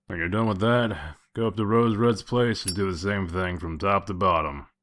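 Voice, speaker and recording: Man acting deep, gruff, sardonic Bigby Wolf. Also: moderate pace. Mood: brisk, commanding. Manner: sardonic, deadpan, authoritative. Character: gruff, sardonic werewolf lawman, commanding and dry. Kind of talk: dramatic comic-dub voice acting.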